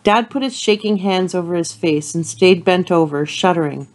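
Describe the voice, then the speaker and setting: A woman reading passages from a novel aloud and summarizing the chapters as a teacher, unhurried, with frequent ums between passages. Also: lowish voice.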